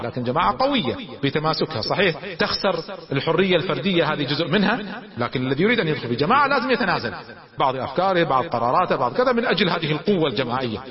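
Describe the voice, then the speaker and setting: A man giving a religious history lecture as a dramatic storyteller, swinging between loud and hushed. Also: high voice. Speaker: preacher and lecturer. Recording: dull recording in a large echoing hall with audience.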